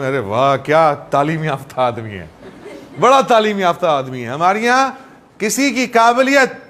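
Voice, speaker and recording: A man from Pakistan gives a lively classroom lesson on English with a noticeably high voice. He keeps quizzing his students with playful, rapid questions, while a faint hum sits behind him. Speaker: English teacher.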